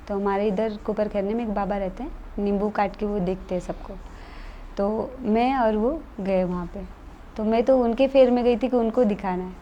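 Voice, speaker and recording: A woman's voice: mid-range voice, mellow, highs cut off, slight background noise. A woman telling an interviewer about something that happened to her, in an earnest, matter-of-fact conversational way. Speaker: guest telling a true experience. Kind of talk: casual interview storytelling.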